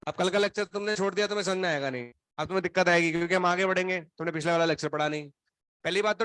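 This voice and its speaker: With a high, fairly bright voice, a male coaching teacher berates his class, sternly and sarcastically grilling each student in turn despite running a fever and having a bad throat. There's no room sound on the clip.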